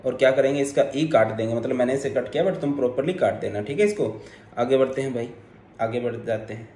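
A man's voice: mid-range voice, fast, mellow, reverberant, slight background noise. A man teaching a chemistry lecture online, explaining step by step, switching into English terms and joking with his students.

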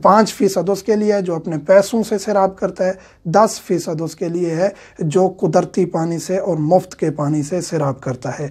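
A man teaching a religious lecture in a steady, explanatory way, with frequent filler sounds. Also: high voice, hardly any pauses, husky.

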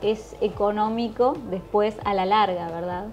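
A woman hosting, asking a guest interview questions at an indoor stand on a handheld mic, encouraging and quick to agree. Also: medium pitch, steady tone, darkish tone. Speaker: interviewer and host.

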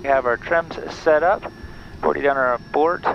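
A man's voice: a little high, moderate pace, gravelly. A man in his thirties, a bush pilot in a small plane cockpit, talking through his checklists step by step on a headset and making radio calls. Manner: methodical, running through checklists aloud. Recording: muffled headset audio over engine noise.

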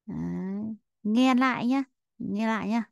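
Woman language teacher walking students through a dialogue, chatty and repetitive, clear resonant tone. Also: a little high, a little slow, dry recording, dull audio. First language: Vietnamese. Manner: chatty, many fillers, repeats Korean phrases. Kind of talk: explaining a listening exercise.

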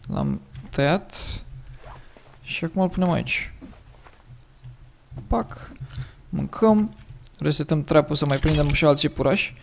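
A man with a Romanian accent chatting casually as he plays and thinks aloud, his voice a little hoarse from the early morning. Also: fairly high pitch, pauses often, a little hiss or hum. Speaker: gaming commentator. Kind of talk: casual gameplay commentary.

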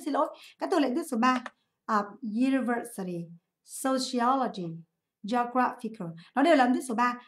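Lively woman teacher quizzing a class. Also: a little high. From Vietnam. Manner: lively, asks the class questions and answers them herself; drills English words by repeating them slowly. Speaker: English teacher. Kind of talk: livestream exam review lesson.

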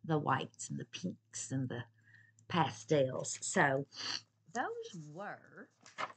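A woman's voice: low-pitched, wildly swooping pitch, very slow, a little hiss or hum. A woman chatting casually to the camera at home about a shopping haul, gushing and repeating herself as she talks. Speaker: vlogger reviewing a shopping haul. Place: at home with her pets nearby.

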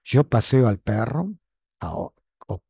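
A man teaches English to beginners. He speaks slowly and repeats each word several times. His voice is low, mellow and a little husky, recorded close and dry. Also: very animated, no room sound. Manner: slow, repeats words for drilling. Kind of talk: online English lesson.

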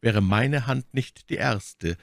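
A man voicing a scheming noblewoman, sharp and indignant, in an audiobook reading. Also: mid-range voice, slow, vocal fry, dry recording, clean studio sound. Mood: scornful. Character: scheming noblewoman, cornered and furious.

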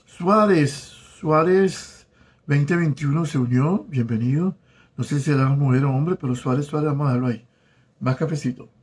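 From his South Florida home, a husky-voiced Venezuelan man in his 40s chats on a live stream, reading out comments. Once a telenovela actor, he now hosts with a medium-pitched voice, warm and flirtatious, stumbling a bit as he reads viewer names.

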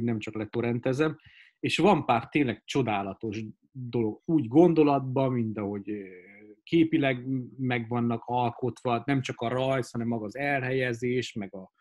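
Male co-host, casual pub talk, rambling anecdotal delivery, mid pitch. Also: darkish tone. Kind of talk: casual chat.

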